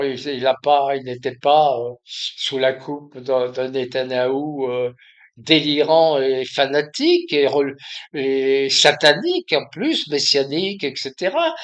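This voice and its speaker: Slow, halting older Frenchman. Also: mid-range voice, expressive, fairly bright tone, dull audio. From France. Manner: halting, many restarts and fillers. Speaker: video commentator. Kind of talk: impromptu monologue.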